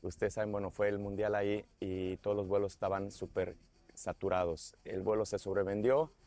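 A man's voice: lowish voice, flat delivery, moderate pace, a little mellow. A man from Michoacán with a Mexican accent, telling the story of his pilgrimage in a rambling way with many restarts. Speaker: pilgrim giving testimony. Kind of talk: casual spoken testimony.

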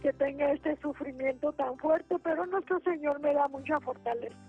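Over a tinny phone line, a woman in her eighties with a Mexican Spanish accent calls in to pray and talk about her troubles. Her voice is high-pitched and her pace normal, with soft music in the background. She is devout and rambling, restarting often.

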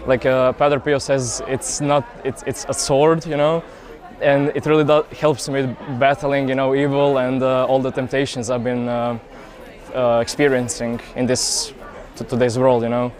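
A young man from Croatia, answering interview questions at an outdoor festival in an earnest, hesitant way, with many pauses and fillers. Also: mid-range voice, little pitch movement, a little mellow. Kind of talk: casual street interview. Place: outdoor youth festival grounds.

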